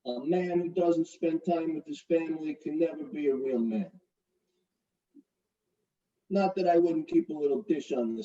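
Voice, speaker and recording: An actor playing a brash, crude, middle-aged mobster-type fiancé who swaggers and wisecracks in a comedy courtroom sketch. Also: male voice, a little high, warm tone, distant mic, muffled recording, close to an everyday voice. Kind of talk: comedic courtroom parody acting.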